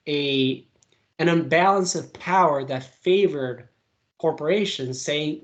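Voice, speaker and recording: With a voice that's a little high, a young Venezuelan who comments on politics fields interview questions. He sounds casual and animated, speaking in quick spurts full of filler words.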